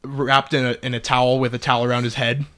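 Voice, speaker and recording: A man's voice: medium pitch, little pitch movement, fast talker, fairly bright tone, smooth, no echo, clean studio sound. A man in a casual chat, telling laid-back stories with swearing and frequent laughter.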